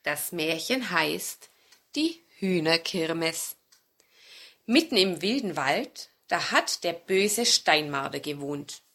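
A woman telling a fairy tale to children, expressive, with dramatic pauses and dips into a whisper for suspense. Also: lowish voice. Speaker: storyteller.

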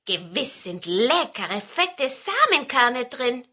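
A woman's voice: a little high, sing-song, slow pace, sharp tone, slightly rough, voice pushed up, heavily acted. A woman voicing a greedy red squirrel in a storybook, savoring its words.

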